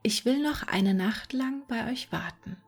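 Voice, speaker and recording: A woman voicing a kind-hearted little male swallow in a whispered role-play, soft and pleading. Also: fairly high pitch, expressive, a little slow, slightly rough, soft background music, exaggerated voice. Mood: tender.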